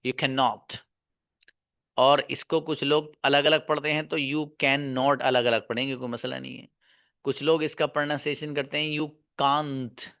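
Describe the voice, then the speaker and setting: Man, English teacher, slow deliberate pace, mid-pitched voice, repeats points, answers his own questions. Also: bright, forceful tone. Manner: slow, explains each phrase twice in two languages; asks the class questions and answers them himself. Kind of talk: slide-based grammar lesson.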